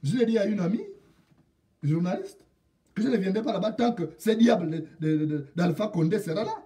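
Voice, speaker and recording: Man from Gabon, indignant direct-address rant, repeats proverbs, high-pitched, mellow tone. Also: a little fast, distant mic. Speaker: political commentator.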